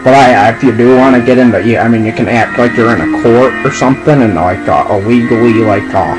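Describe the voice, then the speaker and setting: A drunk man with a mid-range voice rambles through a casual monologue about what he is reading, with clear music playing behind him. He speaks haltingly, stretches words out and keeps losing his thread. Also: medium pitch, poor audio.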